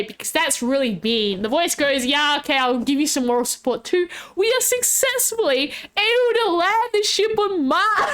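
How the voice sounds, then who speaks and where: A woman's voice: sits high, a bit bright. A woman hosting a livestream as game master, improvising casually in a cute, playful, giggly anime-streamer manner. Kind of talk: casual improvised role-play narration to a stream chat.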